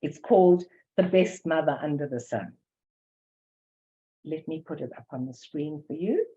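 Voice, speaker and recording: Here an older woman with a South African English accent lectures academically, reading carefully from prepared text and reading poems aloud. Her voice is low-pitched and warm, her pace a little slow, on a dull lo-fi recording.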